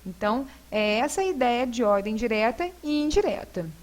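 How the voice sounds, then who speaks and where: A woman's voice: fairly high pitch, animated, moderate pace. A female teacher with a Brazilian Portuguese accent, going through homework answers in a recorded lesson and explaining each point step by step. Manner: patient, explains step by step with frequent "né".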